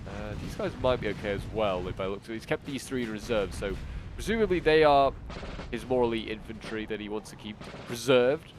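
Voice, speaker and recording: Brisk and lowish, this man's voice comes through a new desktop mic over in-game gunfire and artillery. Stuffed up from a cold, he keeps up a loose, filler-heavy running commentary on the battle, musing out loud as he plays.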